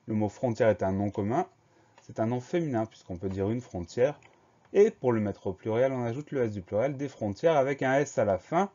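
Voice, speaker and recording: A man teaching a French spelling lesson, slowly spelling each word letter by letter and explaining the grammar. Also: mid-range voice, expressive, dark tone, highs cut off. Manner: slow, methodical, spells words letter by letter.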